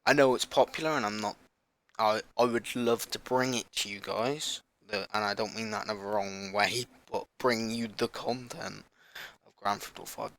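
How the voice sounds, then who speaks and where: A man with a sore throat hosting a gaming channel, rambling and apologetic as he haltingly reads a list in a casual announcement vlog. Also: mid-range voice, a bit bright, no room sound.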